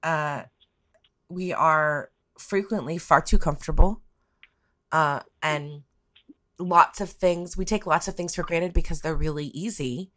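On a casual podcast, an American woman guest talks through the topic of the week at a measured pace. Her voice is low yet fairly bright, and her manner is reflective, wry and meandering.

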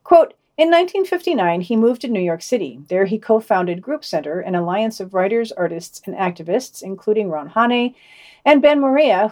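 A woman's voice: mid-range voice, a little mellow. Wry woman reading a podcast news roundup. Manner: wry, offhand jokes after reading items. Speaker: podcast co-host.

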